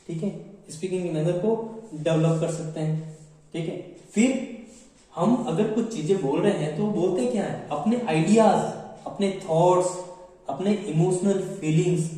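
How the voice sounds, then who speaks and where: A man's voice: high-pitched, dark tone. A male teacher gives an exam-prep lecture, often asking a question and then answering it himself, and repeating his points. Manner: repetitive, asks and answers own questions. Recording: echoey room, far from mic.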